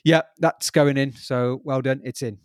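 A man's voice: medium pitch, fairly even intonation, a little slow, noisy background. A man hosting a casual podcast chat, jokey and laughing often as he runs the segment. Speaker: podcast host.

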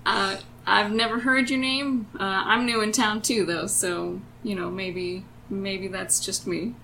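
A woman's voice: mid-range voice, steady tone, a little slow, vocal fry, bright, forceful tone, slight background noise. A woman playing in a tabletop game, playful and chatty, sometimes speaking in character. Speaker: player. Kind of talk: tabletop role-play chat.

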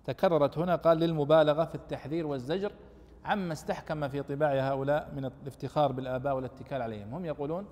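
A man leads a fast-paced lesson on scripture commentary, his voice a bit higher than most men's. He pushes hard with emphasis on the verses he quotes, and his voice carries a long hall reverb. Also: fairly even intonation, a little mellow. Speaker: teacher of Quran exegesis.

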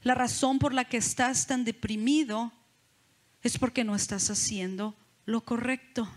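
Slow, high-voiced woman preaching. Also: fairly even intonation. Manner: conversational, asks the congregation questions. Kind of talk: sermon.

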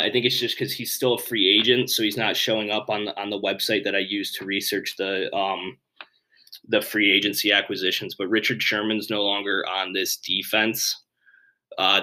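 A man talks through a solo sports podcast rundown in a loose, rambling way, full of "uh"s and asides. His voice sits a little low, with a bright, forceful edge to it. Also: low-quality recording. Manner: rambling, offhand, frequent fillers. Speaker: podcast host.

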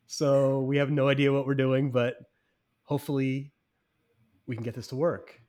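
A man's voice: mid-range voice, little pitch movement, normal speed, warm tone. A man moderating a casual podcast chat, easygoing and joking as he asks friends questions.

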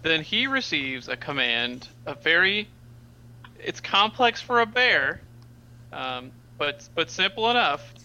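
A man playing a tabletop game, speaking in a drawn-out, amused way. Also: on the high side, very animated, sharp tone, dull audio. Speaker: player. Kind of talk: casual tabletop play.

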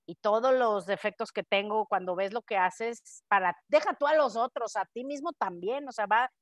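A Mexican woman co-hosting a podcast, chatting in an animated way and acting out quoted dialogue. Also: mid-range voice, moderate pace, dry recording, clean studio sound. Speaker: podcast co-host. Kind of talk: casual podcast chat.

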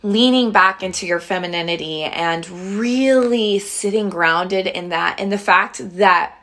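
A woman who hosts the show as a relationship coach speaks in an emphatic, affirming way. Her tone is that of a teacher, set at a middle pitch. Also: a little slow, fairly bright tone. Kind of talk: coaching conversation.

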